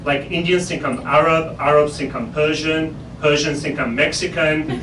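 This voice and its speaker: A man's voice: fairly high pitch, fairly even intonation, normal speed. A middle-aged man from Pakistan with an English accent, doing a stand-up comedy set on a club stage with dry, self-mocking punchlines. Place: improv club stage before a live audience. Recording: roomy, distant live club recording with loud noise.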